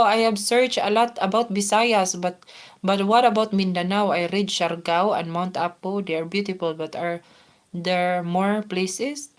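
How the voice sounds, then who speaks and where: A woman from the Philippines with a Filipino accent, hosting a casual live stream, reading viewers' comments aloud and answering them with many "ano" fillers. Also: medium pitch. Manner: chatty, reads names and questions aloud, many "ano" fillers. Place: outdoors in Spain near the sea.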